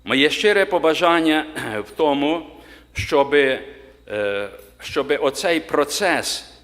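A man preaching a sermon to his congregation, emphatic, slowing down to read scripture aloud. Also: fairly high pitch, a bit bright. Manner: emphatic, rising on key words, slows to read scripture. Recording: long reverb of a church hall.

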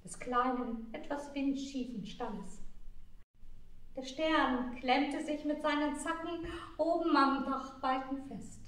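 A woman storyteller telling a fairy tale in a slow, deliberate and expressive way, with long pauses. Her voice sits high. It is heard from far off in a very echoey room.

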